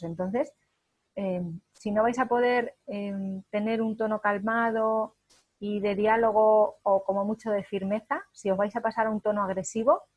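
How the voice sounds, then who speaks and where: A woman's voice: medium pitch, breathy edge. A woman parenting coach giving an emphatic spoken lesson, illustrating her points with short acted examples.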